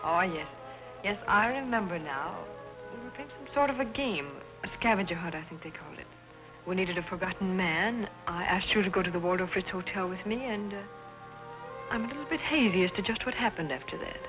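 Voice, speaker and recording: A spoiled young rich woman played by an actress, imperious and haughty, fires off screwball comedy banter in 1930s film manner. The old soundtrack is dull, with clear music behind her. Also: medium pitch, fairly quick, lightly acted.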